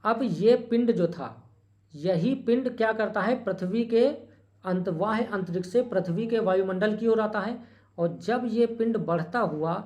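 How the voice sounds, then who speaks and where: With a medium-pitched, somewhat dark voice, the teacher works through exam-prep material. Important terms come up again and again, rhetorical questions are thrown in, and small mistakes are corrected with a fast "sorry."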